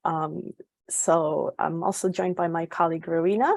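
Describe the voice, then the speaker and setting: A woman's voice: fairly low pitch, fairly even intonation, moderate pace, creaky, darkish tone, dry recording. A young woman from Poland giving a webinar as an education advisor, informative and full of ums and uhs. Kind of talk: webinar presentation.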